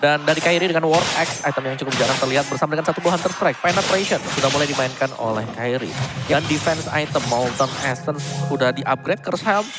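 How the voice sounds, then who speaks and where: Male esports caster, slightly high pitch, fast analytical match commentary, loud background music. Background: loud game music.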